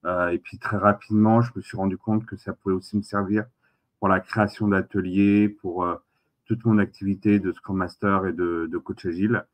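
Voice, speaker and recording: A male agile coach chatting on a tech podcast panel, relaxed and enthusiastic. His voice is very deep. Casual, everyday delivery. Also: normal speed.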